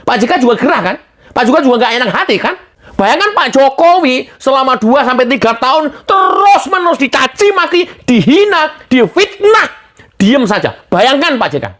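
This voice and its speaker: A woman's voice: high-pitched, a bit bright. Exasperated woman ranting politics. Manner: exasperated, rhetorical questions, scolding. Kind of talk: heated political rant.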